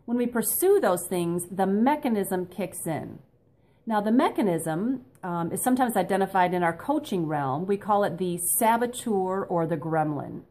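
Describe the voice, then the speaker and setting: A woman's voice: medium pitch, animated, moderate pace, a little mellow. Woman coach giving a motivational talk. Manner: instructive, addressing listeners directly.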